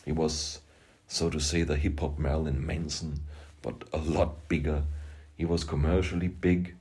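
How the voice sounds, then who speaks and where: With a bass voice, a level delivery, and a darkish tone, an Austrian producer and rapper talks emphatically about hip-hop in a vlog monologue. He speaks German with an Austrian accent, halting at times to make self-deprecating remarks.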